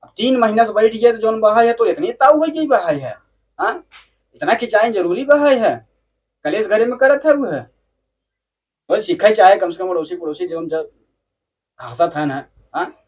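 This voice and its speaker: A man's voice: high voice, expressive, normal speed, pauses often, breathy edge. A man playing a jobless, defensive village husband in a family skit, arguing and grumbling in rustic speech with an eastern Hindi belt, Bhojpuri-Awadhi accent. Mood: aggrieved. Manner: argumentative, muttering repetitions, rustic speech. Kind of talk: amateur family skit dialogue.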